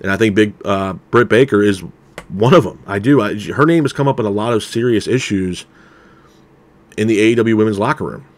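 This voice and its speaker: Opinionated man with a low voice. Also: fairly quick. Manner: candid and opinionated, many fillers like "you know" and "man". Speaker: wrestling show reviewer. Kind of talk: casual spoken review. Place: unseen, voice over a title card.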